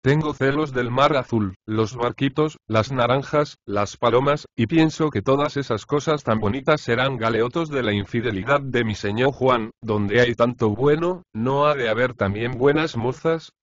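A man narrating an audiobook, reading letters from a novel in an expressive, measured first-person way. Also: mid-range voice, no echo. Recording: slightly dull, lo-fi dry recording.

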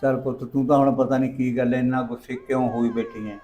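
A man's voice: medium pitch, level tone, quick pace, dark tone, close to an everyday voice. An actor playing a weary, defensive rural father who coaxes and pleads with his daughter. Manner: coaxing, then pleading and defensive.

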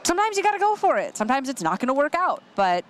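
A man giving live color commentary at a card-game tournament, enthusiastic and encouraging, his voice climbing when excited. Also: very high-pitched, fast.

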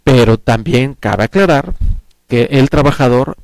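A man's voice: medium pitch, a little slow. A man in his forties with a Mexican Spanish accent, a guest advisor explaining pensions earnestly on a studio talk show, speaking into a headset mic. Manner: earnest, explains at length with lively hand gestures. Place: small TV studio set, indoors.

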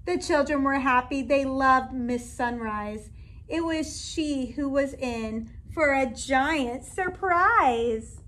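A woman in her forties, a kindergarten teacher, reading a storybook aloud to young children in an expressive, animated way. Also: high-pitched, takes it slowly. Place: indoor classroom.

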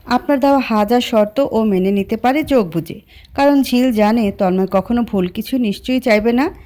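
A woman's voice: a little high, normal speed, warm tone, natural voice. A woman voicing a shy, teasing young woman in love, with a coy, pleading way of talking. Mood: shy, playful.

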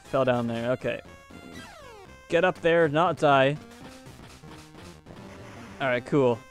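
A man's voice: mid-range voice, slow, soft background music. A man hosting a let's play video, reacting aloud with frequent laughs and exclamations. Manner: jumpy, exclaiming, laughing often. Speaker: host.

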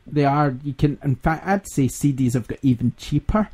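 A man's voice: on the high side, normal speed, darkish tone, husky. A Scottish man hosting a gaming podcast in casual chat, laughing often and rambling. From Scotland. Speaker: podcast host.

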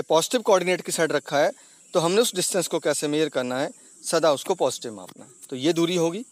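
A male teacher explaining slides, who asks himself questions and answers them, and mixes in English terms. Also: sits high. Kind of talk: slide-based physics lesson voice-over. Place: not on camera, voice over slides.

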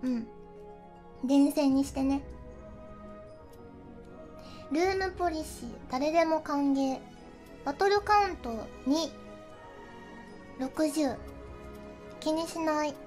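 A woman streaming a fighting game, chatting casually, often laughing and yelping excitedly as she plays, with game music behind her. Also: high voice, takes it slowly, long pauses. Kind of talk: casual game livestream chat.

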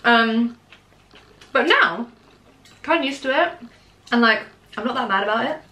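A woman's voice: on the high side, expressive, a little slow, bright, forceful tone. A British woman in her twenties chatting casually and emphatically in slang to camera in a mukbang vlog. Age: 20s. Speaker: vlogger chatting while eating. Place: small room at home, indoors. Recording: echoey room.

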